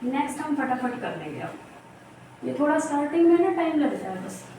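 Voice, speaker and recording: A woman's voice: high-pitched, lively intonation, normal speed, mellow. A woman teaching math step by step, repeating key terms and asking herself rhetorical questions. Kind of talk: exam-prep lecture on real analysis. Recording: echoey room, mic at a distance, faint background noise.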